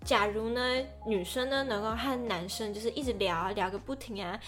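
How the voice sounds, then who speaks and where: This podcast co-host, a young adult woman with a Taiwanese Mandarin accent, speaks at a moderate pace in a fairly high voice over faint music. In casual conversation she recounts personal anecdotes animatedly, performing dialogue and inner monologue.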